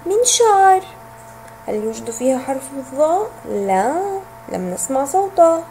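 A kindergarten teacher with a high, warm, mellow voice speaks slowly, clearly sounding out each letter and word for small children. Her pitch swings widely up and down, and she asks questions and then answers them herself. The audio is poor, with a faint hum running underneath.

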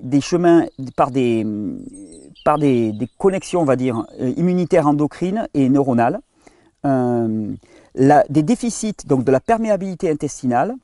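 A French-speaking man hosting a health channel, explaining at length in a casual tone to the viewer, with frequent restarts and study titles read in halting English. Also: fairly high pitch, dark tone, no room sound, clean studio sound. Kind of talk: explanatory monologue.

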